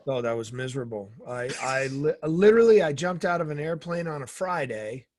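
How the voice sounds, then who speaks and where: A middle-aged man, a guest in an interview, telling energetic stories and acting out the dialogue in them. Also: fairly high pitch, fairly quick, slight background noise. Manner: energetic storyteller who acts out quoted dialogue. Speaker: guest, former Navy SEAL and author. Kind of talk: casual interview storytelling.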